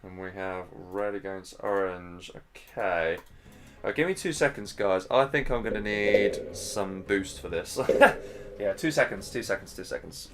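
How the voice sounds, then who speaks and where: A man's voice: deep voice, lively intonation, measured pace, a bit bright, soft background music. A man casting a live strategy game match, chatty and casual, thinking aloud and sounding tired. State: tired, yawning. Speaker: game caster.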